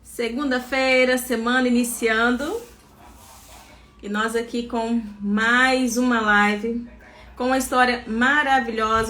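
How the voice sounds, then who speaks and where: A woman hosts a live online interview over a video call. Her voice sits a little high, and her delivery is effusive, full of faith-filled phrasing. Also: fairly bright tone. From Espírito Santo, Brazil. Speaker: host.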